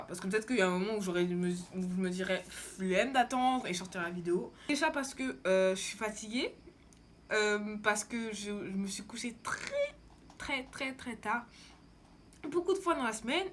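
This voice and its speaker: A young French vlogger with a mid-range, fairly bright voice chats informally to camera. She rambles and uses slang, and a bit of background noise sits behind her.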